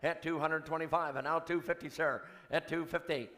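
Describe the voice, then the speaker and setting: A man is calling a live charity auction as the auctioneer. His voice is fairly high and cuts through brightly. He rolls through the numbers in a rhythmic chant and drops in joking remarks to the bidders. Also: steady tone, brisk. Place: event hall, live before an audience.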